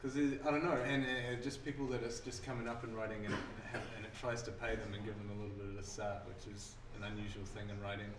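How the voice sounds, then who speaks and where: Young man, New Zealand accent, halting casual talk, far from mic, echoey noisy room. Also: fairly low pitch. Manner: halting, restarts often, relaxed. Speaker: guest, writer. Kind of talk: casual interview.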